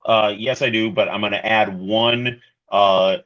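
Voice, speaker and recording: Podcast co-host, male, bright forceful tone, lowish pitch, lo-fi capture. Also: steady tone. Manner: enthusiastic, halting with restarts. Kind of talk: casual film review chat.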